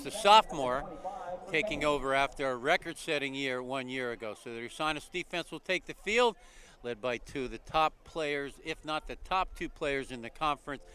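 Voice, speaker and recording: A man calling a college football game play by play, packed with stats and player numbers. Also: mid-range voice. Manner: energetic, stat-heavy play calling. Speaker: play-by-play commentator. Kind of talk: live football commentary.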